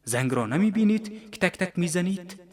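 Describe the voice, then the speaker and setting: A man's voice: sits high, animated, voice pushed up. A man voicing a cold, rude middle-aged landlord, curt and scornful.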